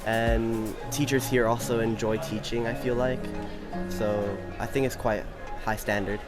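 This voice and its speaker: A man's voice: mid-range voice, level tone, measured pace. A young man, a student giving a casual, hesitant testimonial. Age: young adult. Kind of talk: interview testimonial. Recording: loud music under voice.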